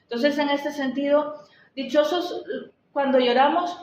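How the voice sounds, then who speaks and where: A woman's voice: high-pitched, measured pace, reverberant, a little hiss or hum, poor audio. A woman preaching a sermon in an earnest, conversational way, often restarting her phrases as she speaks to the congregation. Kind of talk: church sermon. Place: church hall.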